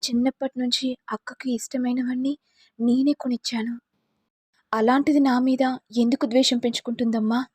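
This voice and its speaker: Woman reading a tearful young wife, pleading, husky and soft. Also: high-pitched, level tone, moderate pace, no room sound.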